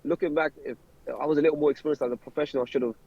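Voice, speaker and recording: A man's voice: a little high, fairly even intonation, rapid-fire, husky, no echo, dull audio. A man, a professional boxer chatting casually in an interview, rambling and repeating words as he starts sentences. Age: 20s.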